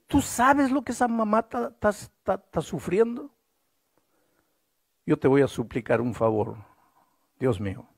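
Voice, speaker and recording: A man preaching voices a young man who prays boldly, pleading in a loud and insistent way. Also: mid-range voice, no room sound, clean studio sound.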